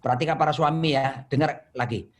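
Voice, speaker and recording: A man, a pastor, answering live questions about marriage conflict in a lively, storytelling way, acting out quarrels and quoting scripture. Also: on the high side, a little fast, slight background noise. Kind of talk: answering questions in an online session.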